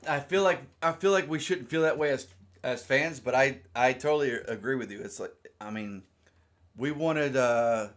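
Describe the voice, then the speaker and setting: Medium-pitched and speaking at an ordinary pace, this podcast co-host from South Carolina talks sports casually in a Southern US accent, frequently repeating words as he gets a thought going.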